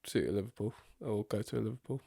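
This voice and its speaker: A man's voice: on the low side, quick pace, creaky, dark tone, slightly rough, dry recording, studio quality. A young man, co-hosting a football chat and moving things along with casual questions. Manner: easygoing, poses topics as questions. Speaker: podcast co-host asking questions.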